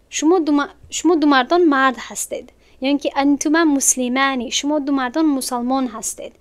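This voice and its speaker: A woman teaching an online Arabic grammar lesson in Tajik-accented Persian. Her voice sits high and sounds smooth and clear. She explains patiently, stepping through each point and repeating words slowly.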